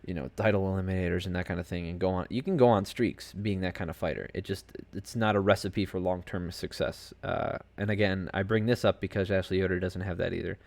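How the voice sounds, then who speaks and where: A man's voice: deep voice, steady tone, brisk, gravelly, few pauses, darkish tone. A man hosting a podcast alone, giving casual, rambling commentary on fight results from a home desk setup, full of fillers and asides. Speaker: podcast host.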